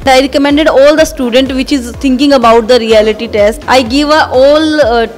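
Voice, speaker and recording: A young woman student answers in short, halting phrases in a fairly high voice, with faint music playing behind her. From India. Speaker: student test-taker.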